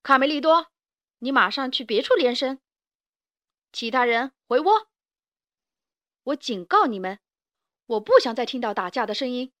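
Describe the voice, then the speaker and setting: A woman's voice: high-pitched, expressive, normal speed, pauses often, fairly bright tone, no room sound. A woman voicing a stern, authoritative father rooster in a storybook reading, speaking firmly. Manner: firm, commanding.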